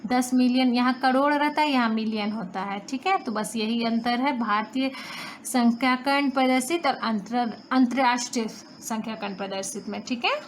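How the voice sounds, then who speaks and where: There's faint background noise as a young woman from India walks through a math lesson, counting patiently through place values and posing questions she answers herself. She speaks at a moderate pace in a slightly high voice.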